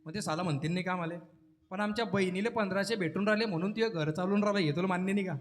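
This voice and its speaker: A man's voice: sits high, racing, in a large hall. A man preaching a devotional kirtan sermon, teasing the listeners and joking with them between verses.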